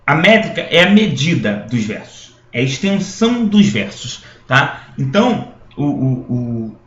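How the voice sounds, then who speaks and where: A man's voice: a little high, very animated, measured pace, fairly bright tone. A man teaching a school poetry lesson, explaining step by step and often checking in with his students. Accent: Brazilian Portuguese. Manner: explanatory, with frequent checking tags and restarts. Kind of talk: recorded classroom lecture. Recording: echoey room, dull lo-fi sound.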